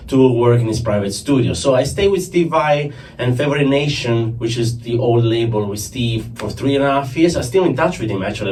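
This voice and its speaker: A middle-aged Italian man with an Italian accent talks through his work in English, in a loose, rambling way with many restarts. His voice sits at a middle pitch and is picked up from a little way off the mic. A faint hiss of room noise sits underneath. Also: a little mellow, recorded from a distance. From Italy. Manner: rambling, self-correcting, laughs easily. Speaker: sound engineer and producer guest. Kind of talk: casual conversational interview. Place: rehearsal studio.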